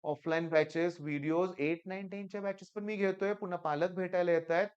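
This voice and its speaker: A tired Marathi-accented teacher in his forties talks earnestly and reassuringly to his students, his voice weaker than usual. His tone is smooth and resonant, and the recording sounds slightly dull and lo-fi. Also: sits high, steady tone, brisk, a little mellow. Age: 40s. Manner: earnest, reassuring, repeats "okay?" often. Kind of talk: motivational talk to students.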